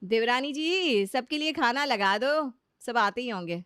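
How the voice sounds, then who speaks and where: Bossy older sister-in-law, high and scolding; a woman voices her. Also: animated, a little slow, clear, resonant tone, dry recording, clean studio sound. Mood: scolding, exasperated. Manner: scolding, sharp and loud. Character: bossy elder sister-in-law, irritable housewife.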